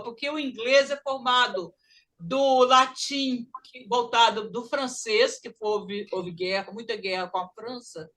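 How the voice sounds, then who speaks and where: Speaking with a Brazilian Portuguese accent, a woman leads an English pronunciation lesson in a lively way, drilling words slowly so students can repeat them. Her voice is on the high side.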